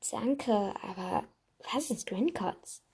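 A woman voicing a brisk young schoolgirl witch who blurts out exclamations. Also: medium pitch, lively intonation, a little mellow, husky, full character voice. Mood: earnest.

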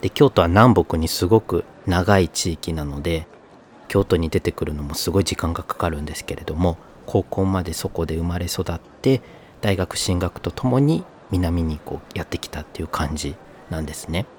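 A man in his thirties from northern Kyoto Prefecture, hosting a solo podcast in a flat, slightly Kansai-leaning accent, chatty with self-deprecating asides. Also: deep voice, fairly quick, slight background noise. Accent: flat northern Kyoto speech, slightly Kansai-leaning. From northern Kyoto Prefecture, Japan. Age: 30s. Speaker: podcast host.

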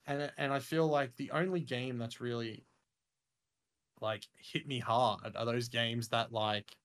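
A man's voice: mid-range voice, steady tone, a little slow, a bit bright. A young man co-hosting a gaming podcast, talking casually and enthusiastically in long, rambling sentences. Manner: enthusiastic, rambling, says "freaking" and "mate" a lot. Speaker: podcast co-host. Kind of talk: casual chat.

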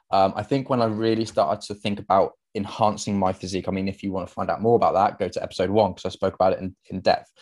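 A man's voice: fairly low pitch, a little mellow. A young man, a fitness coach, talking through his solo podcast in an earnest, conversational way, full of fillers and restarts.

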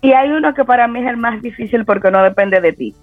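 A man talking on a radio show, calm and explanatory, handing out practical advice. He is from the Dominican Republic. His voice comes through a tinny phone line with soft music underneath. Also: extremely high pitch, fast talker, no room sound. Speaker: guest expert. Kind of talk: radio talk show discussion.

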